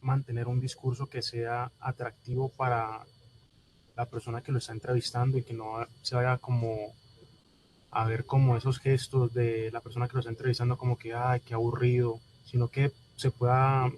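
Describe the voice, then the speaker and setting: A man speaking in a flat, even voice, pausing to search for his words. Crickets chirp faintly behind him. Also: medium pitch, slight background noise, poor audio.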